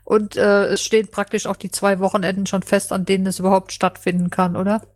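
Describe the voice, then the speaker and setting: A woman chairing a party board meeting, speaking in a measured way with hesitant fillers. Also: mid-range voice, little pitch movement, no room sound. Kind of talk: meeting discussion.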